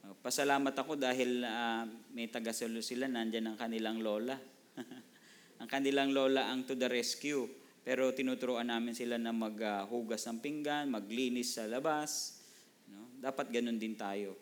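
Conversational Filipino pastor preaching a sermon. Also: male voice, medium pitch, steady tone, normal speed. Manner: conversational, peppers lines with "no?" and English phrases. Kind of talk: Bible teaching sermon.

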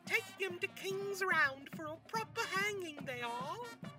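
Woman as a brusque street urchin, squeaky high, heard off-mic over music. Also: lively intonation, unhurried, recorded from a distance. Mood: blunt. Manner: brusque, rough-spoken. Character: cheeky street boy, blunt and crude.

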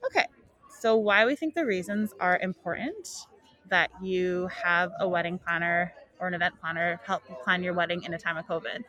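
With a fairly low but fairly bright voice at normal speed, a woman hosts a casual live podcast at a wedding show. She's a wedding planner, talking informally through a face mask and often breaking off mid-thought.

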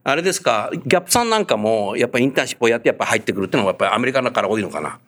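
Guy hosting an interview, talks fast, voice jumps all over, super chatty storyteller, keeps going "un" at the guest. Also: mid-range voice. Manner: chatty, animated storyteller, frequent nods. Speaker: host. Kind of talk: casual on-location interview.

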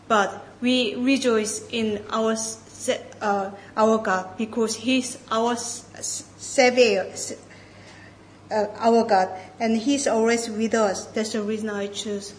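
A woman's voice: on the high side, fairly even intonation, slow, poor audio. A woman from South Korea, a native Korean speaker with a Korean accent, reading scripture and explaining her choice. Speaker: Bible reader. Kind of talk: scripture reading and short personal remark. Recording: faint room noise.

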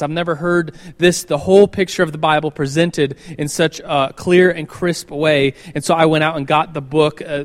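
Rambling man introducing a guest. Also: fairly high pitch. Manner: rambling, full of fillers and restarts. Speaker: church teaching host. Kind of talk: casual introduction.

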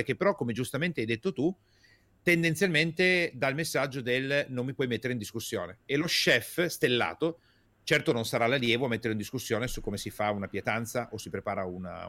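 A man coaching in a podcast conversation, emphatic and energetic, stressing key words by repeating them and asking rhetorical questions. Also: medium pitch, a little fast, dry recording. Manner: gestures while speaking, energetic. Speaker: communication coach, podcast guest.

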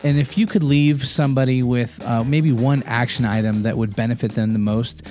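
A man's voice: mid-range voice, steady tone, moderate pace, darkish tone, soft background music. A man hosting a podcast who asks his guest friendly closing questions and wraps up the show in an upbeat way. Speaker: podcast host.

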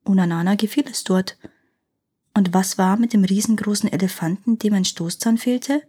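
A woman reading a fairy tale aloud as a podcast storyteller, lively and expressive. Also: mid-range voice, moderate pace, breathy edge.

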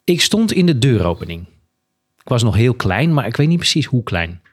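A man's voice: mid-range voice, big pitch swings, moderate pace, breathy edge. A man reading a children's story aloud with expression and talking about the book. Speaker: guest reader.

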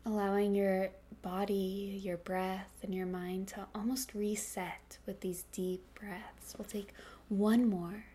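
A woman leading a guided meditation in a soft, breathy, calming near-whisper. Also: mid-range voice, slow pace. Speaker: meditation instructor.

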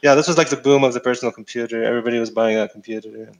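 Middle-aged man from Egypt, interview guest, easygoing and halting, mid-range voice. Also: medium pitch, poor audio. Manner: relaxed, many fillers and restarts. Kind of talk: casual interview.

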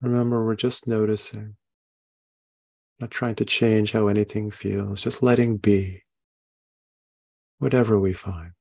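A man leading a guided meditation, giving gentle, unhurried instructions and soft questions. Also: fairly low pitch, little pitch movement, creaky. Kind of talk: guided meditation, body scan.

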